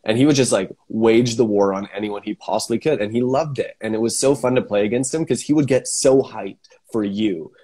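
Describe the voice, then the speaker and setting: A man's voice: fairly low pitch, brisk, hardly any pauses, warm tone, husky. A man hosting a casual live interview, talking in a laid-back, enthusiastic way with lots of fillers. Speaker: podcast host.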